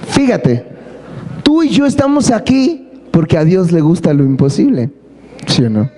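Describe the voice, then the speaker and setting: A man's voice: high-pitched, lively intonation, unhurried, mellow. A man preaching a playful, joking sermon, often asking the congregation for amens. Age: adult. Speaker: pastor. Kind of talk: lively sermon. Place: church service.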